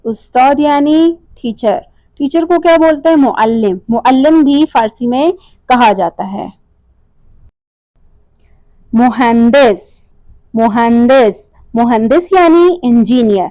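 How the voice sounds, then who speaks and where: A woman teaching a language lesson over slides, repeating each word slowly and asking and answering her own questions. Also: high-pitched, expressive, warm tone, no room sound, low-quality recording.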